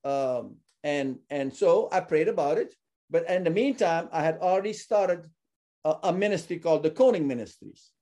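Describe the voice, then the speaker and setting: A man's voice: on the high side, expressive, moderate pace, dark tone. A man from Suriname who founded a ministry, talking earnestly as a guest and often repeating words as he searches for them. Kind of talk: casual interview talk.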